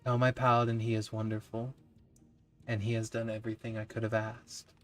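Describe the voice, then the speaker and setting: A man voicing a calm, tender goddess of death in a tabletop game, speaking in a gentle, measured way. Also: lowish voice, faint music behind, natural voice.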